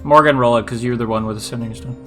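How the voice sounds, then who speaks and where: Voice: mid-range voice, steady tone, fast talker, music in the background. A game master narrating a tabletop game in a hesitant, rambling way with many fillers.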